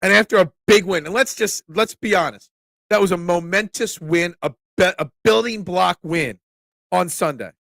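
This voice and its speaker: A sports talk show host with a fairly high, gravelly, congested voice, as if catching a cold, runs a casual live stream and reads chat comments. He rants at normal speed with excitable, opinionated energy, tripping over restarts. The sound is close and dry, without room echo.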